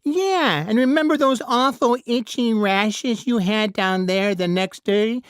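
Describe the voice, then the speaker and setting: A woman's voice: fairly high pitch, measured pace, clear, resonant tone, no room sound, studio quality, close to an everyday voice. A woman voicing a small, polite male cartoon bear cub, earnest and innocently matter-of-fact.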